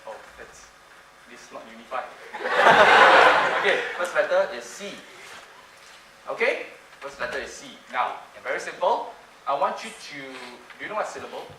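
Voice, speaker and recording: Lively man on stage in a roomy hall. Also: on the high side, moderate pace. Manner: playful, repeats phrases, coaxes the audience. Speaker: conference speaker doing a mind-reading trick. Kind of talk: interactive stage talk with audience. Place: conference hall with audience. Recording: roomy hall, distant mic, background noise. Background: audience laughter and room ambience.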